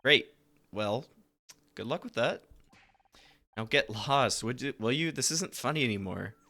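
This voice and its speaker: A man's voice: mid-range voice, lively intonation, unhurried, pushed and bright, exaggerated voice. A man reading the lines of a curt, sarcastic woman who plays a detective, in a game. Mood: irritated.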